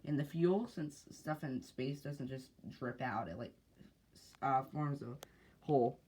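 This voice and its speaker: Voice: medium pitch, a little slow, darkish tone, breathy edge. A speaker casually narrating a homemade sci-fi short, hesitant and rambling with lots of fillers and restarts.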